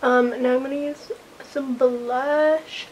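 A woman's voice: high voice, steady tone, takes it slowly, a little mellow, lo-fi sound, a little hiss or hum. A teenage girl chatting casually to a handheld camera, full of "like" fillers and a little self-conscious. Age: teens. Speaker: vlogger. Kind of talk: casual vlog chat. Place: bedroom, then car and outdoors. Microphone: handheld camera at arm's length.

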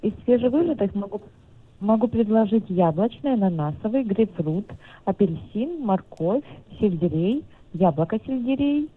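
A woman's voice: medium pitch, animated, normal speed, slight background noise. A woman's voice comes through a tinny phone line as she takes a restaurant order. She stays polite and patient and lists dishes and juices one after another. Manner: polite, patient, reads out menu items. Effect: heard over a phone line.

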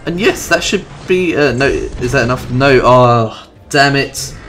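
Brief: male gamer, mid-pitched voice, thinks out loud and yelps at setbacks. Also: a little slow. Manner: chatty, excitable, thinking aloud about moves. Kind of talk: let's play commentary. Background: game music.

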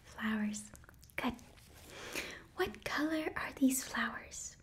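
A woman's voice: a little high, slow pace. Whispering Midwestern American woman, whispered role-play. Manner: gentle, coaxing, as if tending a child. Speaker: ASMR performer playing a school nurse. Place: small indoor room set up as an office.

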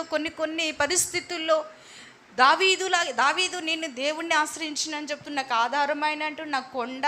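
A woman's voice: high-pitched, pushed and bright, a little hiss or hum. A woman preaching a sermon, exhorting and repeating phrases, asking questions and answering them herself. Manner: repetitive, exhorting, asks and answers own questions.

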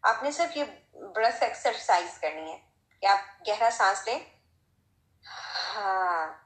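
Female recitation teacher, slightly high voice, slow and patient, echoey room. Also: lively intonation, fairly bright tone. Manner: slow, patient, demonstrates sounds with strong breathy h. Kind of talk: Tajweed lesson.

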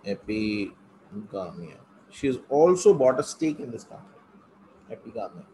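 A man's voice: on the high side, fast, dark tone, a little hiss or hum, low-quality recording. A middle-aged man with a North Indian accent, teaching a live online class conversationally and switching between English and Hindi. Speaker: test-prep teacher.

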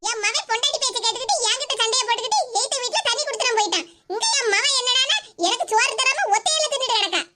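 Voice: very high voice, rapid-fire, few pauses. A performer voicing a bitter, grumbling old mother in a cartoon, with a Tirunelveli Tamil accent and a scolding, self-pitying way of talking. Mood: lamenting. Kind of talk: cartoon voice acting. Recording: loud background noise.

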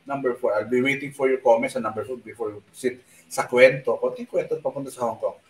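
A man hosting a live stream, telling a rambling travel story in a soft voice with lots of fillers. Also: mid-range voice, fairly quick, roomy sound, far from the mic, rough recording. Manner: speaks softly on purpose at night. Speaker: online show host. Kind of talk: casual live-stream chat.

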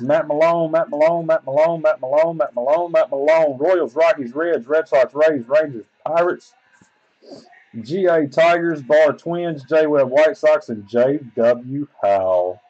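A man's voice: a little high, a little mellow, dull audio. A man hosting a sports card break, reading out team assignments and chatting loosely with viewers, swearing freely. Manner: loose, profane, rambling talk to viewers.

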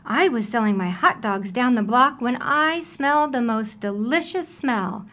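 A woman's voice: a little high, lively intonation, measured pace, fairly bright tone. A woman voicing a friendly male hot dog vendor with a hearty appetite in a children's storybook. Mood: curious.

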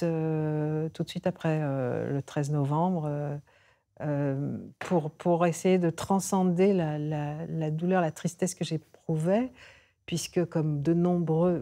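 Low-voiced reflective middle-aged woman. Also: dark tone. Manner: reflective, hesitant with frequent fillers. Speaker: singer and novelist guest. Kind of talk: radio interview chat.

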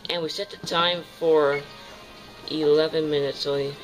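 A young boy filming himself in a home kitchen on a phone, chatty and excitable, full of fillers and calls of "guys". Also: fairly high pitch, normal speed, soft background music, rough recording. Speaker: home cooking vlogger. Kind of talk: casual cooking vlog. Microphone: phone camera held close.

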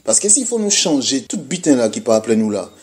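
A man from Guadeloupe with a Guadeloupean Creole-French accent, talking to his followers in an animated, emphatic monologue that mixes Creole and French. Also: medium pitch, quick pace. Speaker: video creator addressing his followers. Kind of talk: casual monologue to camera.

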